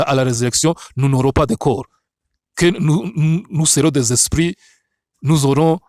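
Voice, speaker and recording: A man's voice: a little high, dry recording, clean studio sound. A man with a foreign accent in French, a non-native speaker, teaching the Bible like a preacher in an emphatic, repetitive, didactic way with rhetorical questions. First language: not French.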